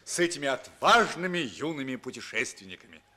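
An actor playing a proud, commanding captain who declaims in a radio play. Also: male voice, mid-range voice, big pitch swings, a little fast, heavy background noise, close to an everyday voice. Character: proud captain speaking for his comrades, giving commands.

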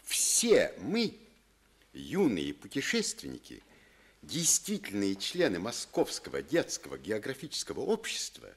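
An animated radio-play captain. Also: male voice, mid-range voice, husky, heavily acted. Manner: expressive storytelling read-aloud. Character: captain reading a letter aloud, then shouting orders.

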